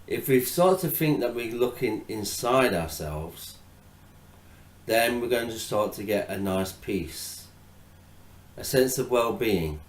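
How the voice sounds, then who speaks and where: Slow, hesitant male hypnotherapist in an echoey room. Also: lowish voice, lively intonation. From England. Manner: slow, hesitant, many pauses and fillers; gently guides the listener through breathing. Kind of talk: informal talk to camera on hypnotherapy.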